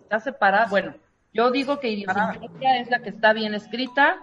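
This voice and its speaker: A woman's voice: a little high, brisk, a bit bright, highs cut off, faint music behind. A woman co-hosting a casual chat, offering simple helpful tricks.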